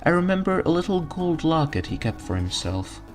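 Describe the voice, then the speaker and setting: A man's voice: on the high side, very animated, normal speed, faint music behind, voice pushed up. A man voicing a kindly, folksy, motherly diner owner woman from a video game. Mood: gossipy. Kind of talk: reading video game dialogue aloud.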